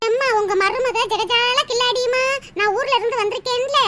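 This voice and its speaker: A woman's voice: extremely high pitch, normal speed, pitched below the performer's own voice. A woman voicing a complaining young sister-in-law in a cartoon. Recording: loud background noise.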